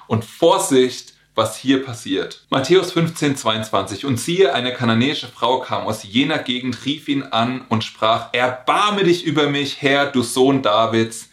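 Lively man preaching in an echoey room. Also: medium pitch. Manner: lively, talks straight to the listeners, voices the people in the story. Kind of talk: sermon.

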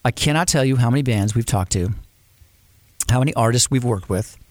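A man co-hosting a music podcast in casual chat, talking fast and jokingly and often cutting in. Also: medium pitch, no room sound, studio quality. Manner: animated, quick, jokey, talks over his co-host. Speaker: podcast co-host.

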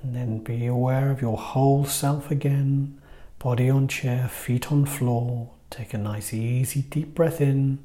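A man guiding a calm grounding exercise in a gentle, soothing manner, leaving deliberate pauses between short phrases. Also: medium pitch. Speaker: mindfulness practice guide.

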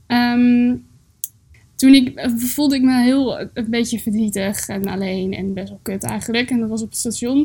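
A woman in relaxed conversation, talking in a slightly raised pitch. She pauses often and fills the gaps with hesitant fillers. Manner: friendly, hesitant, many fillers. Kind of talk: casual chat.

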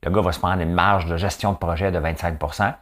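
A man's voice: low voice, steady tone, quick pace, fairly bright tone. A man with a Quebec French accent and a nasal voice, hosting a casual, joking commentary monologue and tagging his sentences with "hein". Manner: chatty, joking, fills talk with "hein". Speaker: show host.

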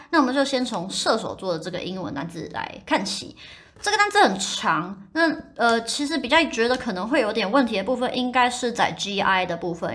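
A woman speaks as the host of a podcast lesson and explains sounds one step at a time. She slows down to model each example word carefully before moving on. The recording is close and clean, like a podcast studio mic. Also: on the high side, fairly bright tone. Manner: explains step by step, slowly modeling English words. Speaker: podcast host teaching English pronunciation.

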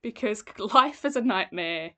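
A woman's voice: mid-range voice, expressive, unhurried, a bit bright. Wry woman podcast co-host. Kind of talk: casual book chat.

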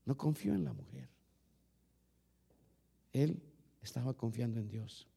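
A male pastor preaching a sermon, often calling the listeners "hermano" and swinging between loud emphasis and quieter stretches. The sermon comes from an older archived church recording. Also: medium pitch, expressive, takes it slowly, creaky, breathy edge. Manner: preaching with rising and falling emphasis, repeating "hermano".

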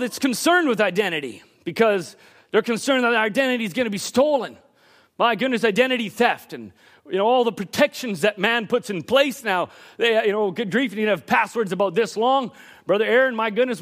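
A man preaching a sermon in a church service, emphatic, shifting between quick asides and bursts of raised voice. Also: very high-pitched, a bit bright. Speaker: pastor.

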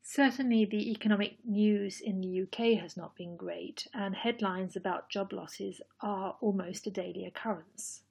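Podcast host, woman, breathy tone, thoughtful and sincere delivery. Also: mid-range voice, fairly even intonation, darkish tone. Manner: measured, thoughtful, earnest. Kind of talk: scripted solo podcast talk.

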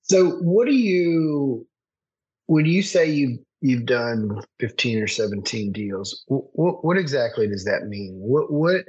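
A man's medium-pitched voice, a little mellow and slightly rough, moves at a slow pace over lo-fi sound. He's a podcast host in a chatty, casual interview with a guest, rambling with frequent restarts.

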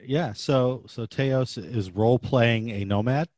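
A man's voice: mid-range voice, takes it slowly, a little mellow, dry recording. A man hosting a podcast in casual conversational talk. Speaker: podcast host.

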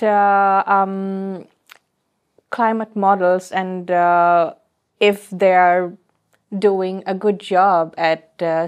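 A woman from Fiji, a research guest telling her story in a podcast booth in a measured, thoughtful way. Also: mid-range voice, clear, resonant tone. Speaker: guest, postdoctoral climate researcher. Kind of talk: conversational interview.

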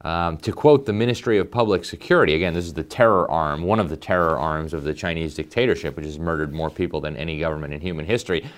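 Quick and with few pauses, this bass-voiced man hosts a political commentary program, speaking English natively. He talks emphatically but conversationally, dropping in fillers and side remarks.

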